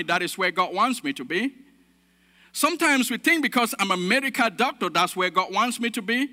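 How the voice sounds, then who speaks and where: A man's voice: sits high, bright, forceful tone. A man from Cameroon preaching a sermon, driving points home with repetition and calls of amen. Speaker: pastor. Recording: long reverb of a large hall.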